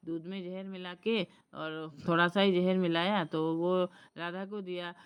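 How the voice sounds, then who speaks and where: A woman's voice: on the low side, little pitch movement, measured pace, clean tone. Hesitant woman telling a folk story. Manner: hesitant, with many fillers and restarts. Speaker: storyteller vlogger. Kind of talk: casual oral storytelling.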